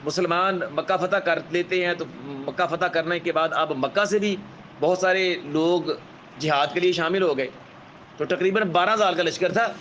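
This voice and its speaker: A man giving a religious history lecture in with a tinge, speaking in a measured storytelling manner and often checking in with his listeners. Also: high voice, fairly bright tone, highs cut off, slight background noise. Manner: measured, keeps adding a checking "alright?" tag; vivid storyteller, acts out quoted speech. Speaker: Islamic scholar lecturer.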